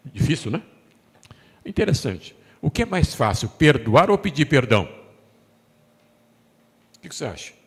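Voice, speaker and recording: Brazilian male pastor, storytelling sermon, average pitch, long church reverb. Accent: Brazilian Portuguese. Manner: storytelling, voicing the characters' words, asks the congregation questions. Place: church sanctuary.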